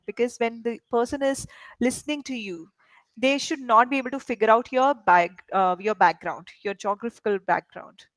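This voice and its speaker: Speaking in a fairly high voice, this Indian woman tutors a student in spoken English, offering patient explanations and checking understanding with frequent questions. There's no echo, though the recording quality is poor.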